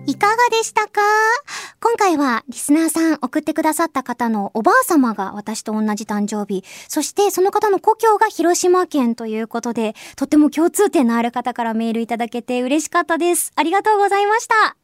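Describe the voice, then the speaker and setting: A woman's voice: high-pitched, big pitch swings, no room sound, clean studio sound. A woman from Hiroshima, Japan, hosting a solo radio show and reading listener mail, cheerful and friendly, with a Japanese accent when she speaks English. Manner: bright, cheerful and friendly, slow and careful in English, brisk in Japanese. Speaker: radio host and voice actress. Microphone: close studio microphone.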